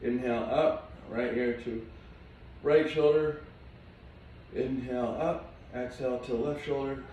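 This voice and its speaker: A man's voice: mid-range voice, measured pace, highs cut off. Guy talking thru a yoga flow, chill and chatty, roomy echo, faint hum behind. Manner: relaxed, chatty cues with asides. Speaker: yoga instructor. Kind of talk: guiding a yoga flow while doing it. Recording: echoey room, mic at a distance.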